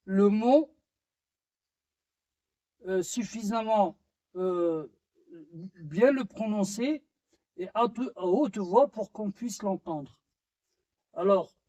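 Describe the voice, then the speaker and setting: A man teaching a basic French lesson, explaining step by step with frequent pauses, restarts and fillers. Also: high-pitched, mellow, poor audio. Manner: slow, halting delivery with pauses and fillers. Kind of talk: slow classroom-style lesson.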